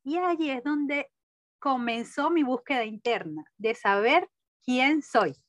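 A young woman telling a personal story in conversation, animated, laughing often and acting out her own inner voice. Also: high-pitched, slow, dry recording, clean studio sound. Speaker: guest.

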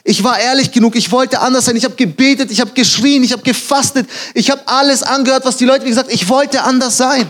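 Young male preacher, high-pitched, animated storyteller who plays every line he quotes. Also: fast talker, few pauses. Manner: animated storytelling, acts out quotes, laughs at himself. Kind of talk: sermon.

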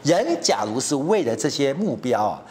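A man's voice: mid-range voice, sing-song, moderate pace, a little mellow, slight background noise. A middle-aged man giving heated, mocking political commentary and often asking his listeners whether they follow him. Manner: mocking, heated, keeps asking "you know?".

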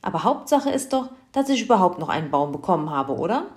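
A woman's voice: on the low side, big pitch swings, fast. A woman voicing a flustered, hardworking father in a children's story. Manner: unsure, flustered.

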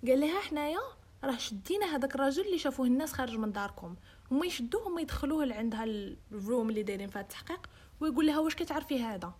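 High-pitched and animated, the host talks very fast with a darkish, slightly rough tone. She's a young woman with a Moroccan accent recounting a true-crime story in casual chat, dropping into English and acting out quoted dialogue.

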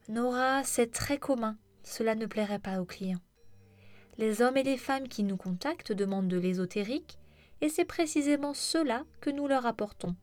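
A woman voicing an elegant, imperious businesswoman who talks in a brisk, detached way. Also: fairly high pitch, a little mellow, dry recording, natural voice.

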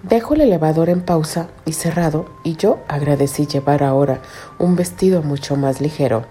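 A woman narrates a romance audiobook in a close first-person telling. Her voice sits low and mellow, with faint music underneath. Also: moderate pace. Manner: intimate first-person storytelling.

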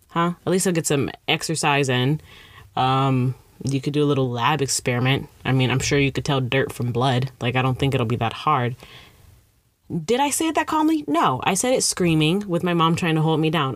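A young woman with a low voice tells a comic story about herself, rambling into playful tangents and making fun of herself. The recording is dry, with no room sound. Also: lively intonation, brisk, no echo. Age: young adult. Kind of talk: comedic storytime monologue.

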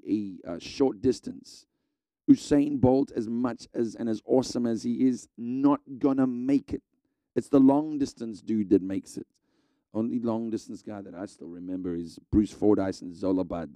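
A man's voice: mid-range voice, dark tone, dry recording. A middle-aged man preaching a sermon, earnestly exhorting his listeners and repeating key phrases.

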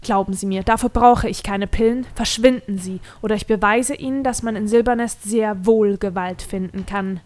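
Woman reading an irritable young man, curt, clipped, fairly high voice, fantasy audiobook. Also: fairly even intonation, a little fast, few pauses, close to an everyday voice. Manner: curt, rising to anger.

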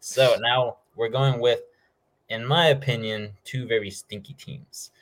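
A man's voice: medium pitch, fairly even intonation, measured pace. A man hosting a sports show, talking casually and informally through his game predictions. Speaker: host of a football picks show.

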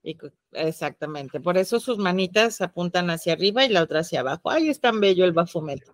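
With a fairly low pitch and lively intonation, this Mexican-accented woman talks a little fast as she co-hosts a casual podcast about the occult. Her delivery is chatty and playful, sprinkled with slang, and the studio-quality audio has no echo.

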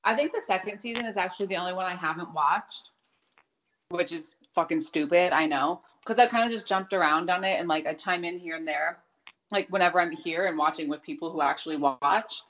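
A woman's voice: on the low side, a little fast, fairly bright tone, muffled recording. Casual, sweary woman podcast co-host. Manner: informal, sweary, exclamatory. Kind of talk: casual chat.

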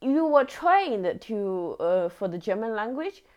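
A woman's voice: mid-range voice, big pitch swings, slow, a little mellow, smooth. A woman interviewing a guest, asking curious follow-up questions in a casual chat.

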